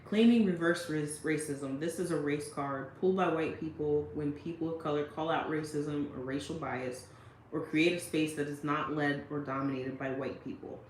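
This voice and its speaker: A woman giving casual commentary straight to the viewer and reading quotes aloud, often checking in with her listener. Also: low-pitched. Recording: roomy echo with faint noise.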